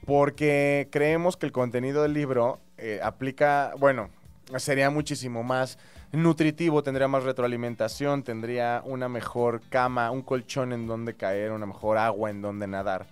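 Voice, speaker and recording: Man, Mexican accent, clear smooth voice, co-host, laid-back rambling chat. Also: mid-range voice, fairly even intonation, moderate pace, soft background music. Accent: Mexican Spanish. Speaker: podcast co-host. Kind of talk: casual podcast chat.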